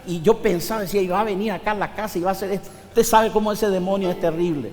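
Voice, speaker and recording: A man preaching a sermon as pastor, moving between soft asides and loud, high-pitched exhortation. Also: fast talker. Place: church hall. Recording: reverberant church hall with faint music.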